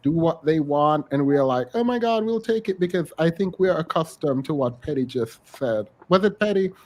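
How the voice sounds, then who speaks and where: A man co-hosting a podcast, reading viewer messages in casual chat, animated and laughing, dropping into low mutters. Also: brisk, low-quality recording. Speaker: podcast co-host.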